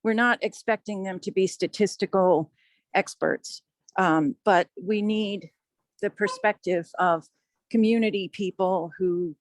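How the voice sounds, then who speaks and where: A woman judge in a meeting, talking over a phone line in a measured, polite, explanatory way. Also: mid-range voice, no echo. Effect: heard over a phone line. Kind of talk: meeting discussion.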